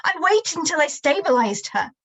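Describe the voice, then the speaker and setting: A woman reading a story aloud, voicing an exhausted mother who shouts back through tears. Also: a little high, a little slow. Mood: shouting. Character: distraught exhausted mother, middle-aged woman. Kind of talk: audiobook-style story reading.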